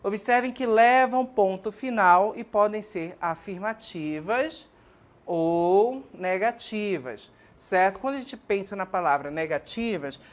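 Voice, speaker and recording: A Brazilian woman teaching a televised lesson in a clear, didactic way. She addresses students as "minha gente" and "pessoal" and keeps checking that they follow along. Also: mid-range voice, unhurried. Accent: Brazilian Portuguese. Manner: didactic, frequent checking questions like ok and certo.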